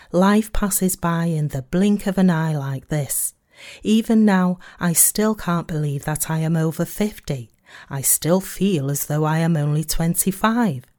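Woman, sermon reading, lowish voice, measured and earnest, slows for emphasis. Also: warm tone. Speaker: sermon reader.

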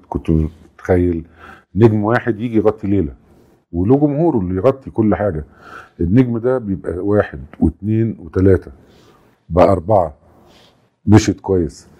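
A man's voice: deep voice, fast, long pauses, dark tone, slightly rough. A man with an Egyptian accent, a guest in an interview, explaining his points emphatically. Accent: Egyptian Arabic. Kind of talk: interview commentary.

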